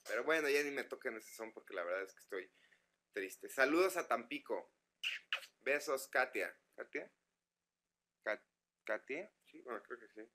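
A man's voice: medium pitch, animated, normal speed, bright, forceful tone. A man with a northern Mexican accent chatting casually with fans on a live webcam stream, stumbling over his words as he reads their messages aloud. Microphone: computer microphone.

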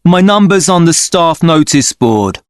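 A man's voice: on the high side, very animated, unhurried, smooth, no room sound, studio quality. An actor playing an apologetic office salesman leaving a careful, polite phone message in a scripted exercise. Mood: polite, concerned. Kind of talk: scripted voicemail acting.

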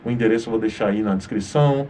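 A man's voice: on the low side, rapid-fire, dark tone, slight background noise. A man with a Brazilian Portuguese accent hosting a casual, enthusiastic vlog tour of a motorcycle shop. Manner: upbeat, chatty, enthusiastic. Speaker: vlog host.

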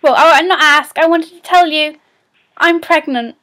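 A woman's voice: high voice, a little slow, background noise. A woman, playful and bold, making prank phone calls at home during a sleepover. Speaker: prank caller.

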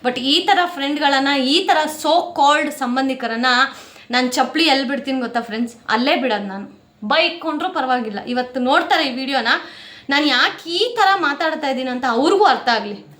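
High-voiced, indignant woman near tears. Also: normal speed, a bit bright, echoey room. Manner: aggrieved, indignant venting to viewers. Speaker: family vlogger. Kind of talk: emotional talk to camera. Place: at home.

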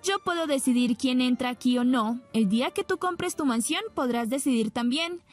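A woman's voice: high-pitched, normal speed, soft background music. A woman reading a stern old grandmother. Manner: firm, unyielding. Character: stern older grandmother matriarch.

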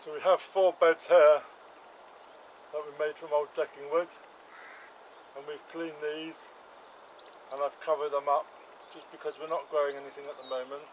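A middle-aged man hosting a gardening vlog, talking in a plain, chatty way about his beds. His voice sits a little high for a man. It was recorded outdoors on an allotment, with a faint hum of insects and country air behind him. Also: little pitch movement, normal speed, long pauses, rough recording. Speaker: allotment gardening channel host. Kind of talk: casual walk-around vlog.

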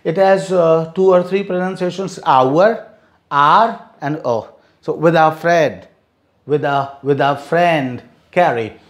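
A man with an Indian English accent teaching a spoken English lesson, mixing Hindi explanation with slow repeated drilling of phrases. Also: on the high side.

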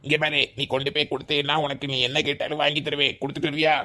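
A man's voice: a little high, completely flat delivery, rapid-fire, very noisy, natural voice. A man voicing a scheming older suitor in a cartoon, with a Kanyakumari Tamil accent and a coaxing, wheedling manner. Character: scheming older brother type, persuasive suitor. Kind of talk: cartoon voice acting.

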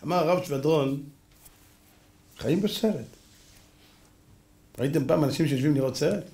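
A man, a rabbi, giving a sermon with animated storytelling and acted-out voices. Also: a little high. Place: lecture hall. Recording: echoey hall.

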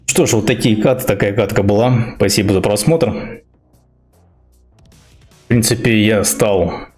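A man's voice: fairly low pitch, steady tone, a little slow, darkish tone. A young man giving casual gameplay commentary in short, slangy, muttered reactions. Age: young adult. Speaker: gamer commentating own play. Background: faint game music.

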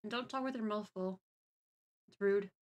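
A woman's voice: medium pitch, normal speed. A woman co-hosting a live stream, chatting casually and reading viewer messages aloud. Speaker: streamer co-host.

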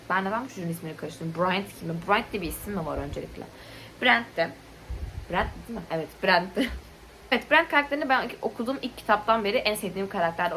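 A young woman vlogging casually about her monthly reading, ranting with exasperation and interrupting herself with quick asides. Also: slight background noise. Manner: animated, exasperated ranting with rising pitch. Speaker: book vlogger.

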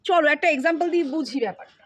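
High-voiced Bengali woman teaching spelling. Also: animated, very fast. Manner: patient, explaining step by step with frequent check-ins. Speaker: English teacher. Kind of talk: classroom spelling lesson.

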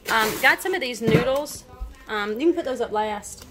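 Loud music plays behind a woman in her thirties who is vlogging a casual grocery haul at home in the kitchen with a handheld phone. Her fairly high voice has lively intonation and a normal speed, and she lists items chattily, saying um and like a lot.

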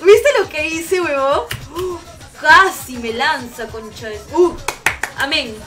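Over music, a high-voiced young woman speaks slowly while livestreaming a game and talking with viewers. Excitable as she plays, she shrieks and swears.

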